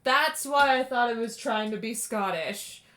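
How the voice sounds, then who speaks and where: A woman's voice: a little high, unhurried, fairly bright tone, a little hiss or hum. A woman streamer giving casual, rambling watch-along commentary. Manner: rambling, chatty, trails off.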